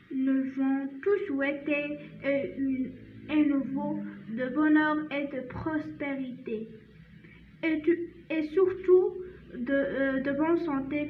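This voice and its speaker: Moroccan woman teacher reciting slowly. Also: sits high, a little hiss or hum. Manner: slow, deliberate recitation with hesitant restarts. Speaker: language teacher. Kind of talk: recited poem reading and explanation. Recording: tinny phone-like sound in an echoey room.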